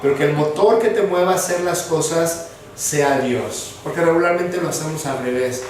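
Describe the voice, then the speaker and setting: A man's voice: on the high side, normal speed, slight background noise. A man preaching a sermon as pastor, earnest and direct, talking straight to his listeners. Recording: echoey hall, voice from far off.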